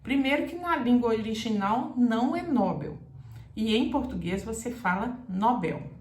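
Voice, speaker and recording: A woman's voice: fairly high pitch, lively intonation, moderate pace. A woman Portuguese teacher giving a careful, explanatory grammar lesson straight to the viewer. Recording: echoey room.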